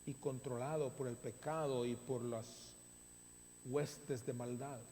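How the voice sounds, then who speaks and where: A man preaching a sermon as pastor, stressing words with long dramatic pauses, recorded in a church sanctuary. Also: mid-range voice, steady tone, warm tone. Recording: reverberant hall, faint hum.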